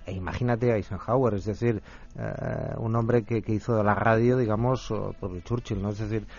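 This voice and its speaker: A man's voice: on the low side, steady tone, normal speed, creaky, a little mellow, lo-fi sound. A man speaking as a guest expert in a radio discussion, thoughtful and hesitant.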